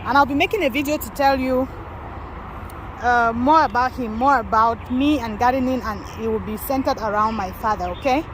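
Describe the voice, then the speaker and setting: A woman's voice: a little high, moderate pace. A woman from Cameroon giving a casual tour of her garden, chatting to viewers as she walks. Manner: chatty, addresses viewers as guys. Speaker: gardening vlogger. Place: outdoor garden, windy. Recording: wind and traffic noise outdoors.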